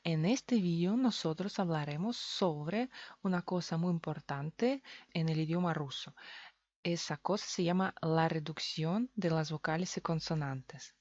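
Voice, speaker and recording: A woman with a Russian accent teaches a language lesson in a lowish voice. She explains step by step, slowly repeating each example word. The sound is dry and a little dull. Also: a little mellow, no echo. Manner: slow, deliberate, repeats example words.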